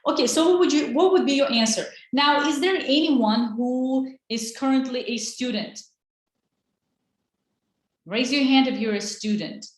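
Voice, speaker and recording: A woman's voice: high-pitched, measured pace, echoey room. A woman, teaching an online English lesson in an encouraging way. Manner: encouraging, switches between English and Azerbaijani.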